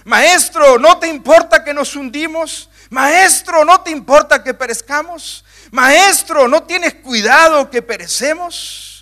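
A man's voice: very high voice, takes it slowly, few pauses, pushed and bright, voice pushed up, heavily acted. A man voicing frightened fishermen disciples crying out urgently for help from their master. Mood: desperate pleading. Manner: urgent pleading cries. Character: desperate frightened fishermen disciples, men, pleading.

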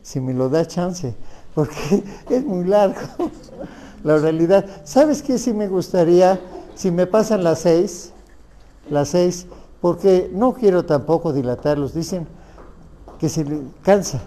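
A man's voice: high voice, lively intonation, takes it slowly, mellow, slight background noise. A man with a Mexican Spanish accent giving a lecture on family law, asking the audience rhetorical questions.

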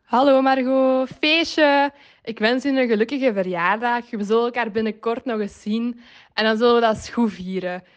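A woman's voice: on the high side, normal speed, smooth. A woman with a Flemish accent leaving a jokey birthday greeting on a voicemail. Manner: teasing, jokey well-wishes. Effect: leaving a voicemail message. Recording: dull lo-fi voicemail audio.

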